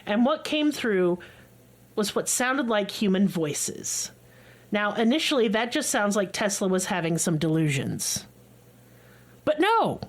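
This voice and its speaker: A woman hosting a podcast, telling a story in casual chat, blunt and excitable, with swearing. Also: mid-range voice, a little slow. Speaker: podcast co-host.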